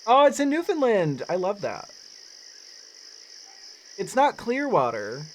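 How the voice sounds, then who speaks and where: A playful, goofy streamer chatting to viewers while playing a cozy game. The voice swings widely in pitch at an easy, slow pace. Faint crickets and insects chirp behind. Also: huge pitch swings, a little hiss or hum. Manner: playful, goofy, talks to chat. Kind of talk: casual live game commentary.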